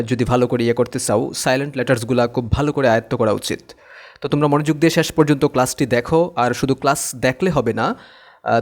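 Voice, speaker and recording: A man's voice: medium pitch, darkish tone. A man teaching English pronunciation, patiently repeating each word twice. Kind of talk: slow-paced pronunciation lesson.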